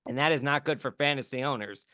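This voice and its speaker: A man's voice: mid-range voice, fast, sharp tone, no room sound, studio quality. A man co-hosting a fantasy football show in casual sports talk, conversational with ums and easy laughs.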